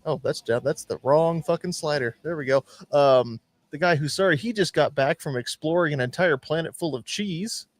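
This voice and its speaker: A man's voice: fairly high pitch, moderate pace, no room sound. Joking, crude podcast host man. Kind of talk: casual chat.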